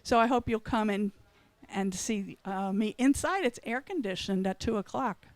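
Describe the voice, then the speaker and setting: A woman's voice: mid-range voice, normal speed, rough recording. A woman in her sixties, a retired educator and author, reading and speaking earnestly at a book expo in short listed phrases. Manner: earnest, reflective, reads in short list phrases.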